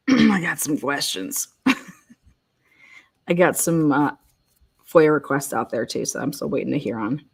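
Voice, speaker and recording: Deep-voiced lady youtuber chatting live, brash, sweary, gets worked up easily. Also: slow pace, creaky, long pauses, slightly rough. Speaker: livestream host, YouTuber. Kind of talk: casual live commentary.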